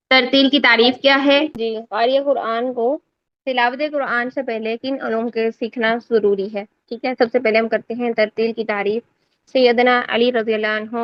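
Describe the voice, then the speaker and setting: A woman's voice: a little high, no echo. A woman, teaching a class on Quran recitation and explaining exam answers step by step while she checks that her students follow. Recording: dry, dull lo-fi sound.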